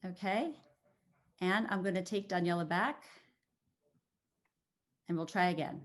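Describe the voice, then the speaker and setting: A woman's voice: on the low side, measured pace. A woman on a video call, chatting lightly while sorting out screen sharing. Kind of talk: online meeting chat.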